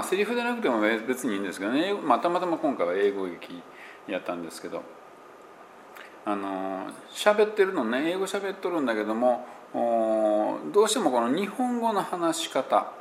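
A man with a Kansai Japanese accent, teaching English pronunciation in a casual spoken explanation and working through examples with many fillers. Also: medium pitch. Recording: echoey room with faint background noise.

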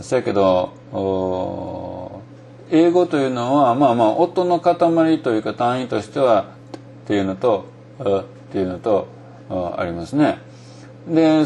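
A man's voice: fairly low pitch, gravelly, darkish tone, slight background noise. A middle-aged man with a Kansai Japanese accent, giving a casual spoken lesson on English pronunciation and thinking aloud with many fillers.

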